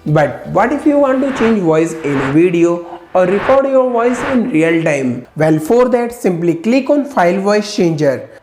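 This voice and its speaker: A woman with a fairly low-pitched voice narrates a scripted software tutorial, giving steady step-by-step instructions and adding enthusiastic asides. The recording is reverberant.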